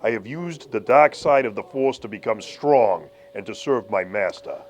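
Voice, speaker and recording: A man playing a cold, arrogant male dark lord in armor, speaking in slow, threatening pronouncements in a talk-show skit. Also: lowish voice, animated, highs cut off, a little hiss or hum, lightly acted. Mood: cold arrogance.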